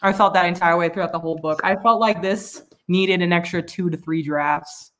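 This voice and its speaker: A woman co-hosting a book club, chatting casually with frequent laughter and quick asides. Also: on the low side, steady tone.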